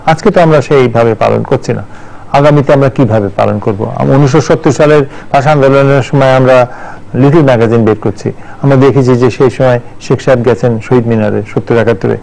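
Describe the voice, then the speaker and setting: A man in his sixties gives studio commentary as a journalist and teacher. His voice carries a gravelly fry. He talks in a thoughtful, digressive way, restarting sentences and filling pauses with "um" and "ah.". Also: mid-range voice, a little mellow, rough recording. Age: 60s.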